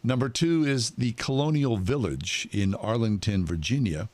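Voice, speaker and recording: A man co-hosting casual radio talk, reading out items with deliberate emphasis. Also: medium pitch, darkish tone, no room sound. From Pittsburgh area, USA. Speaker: radio co-host.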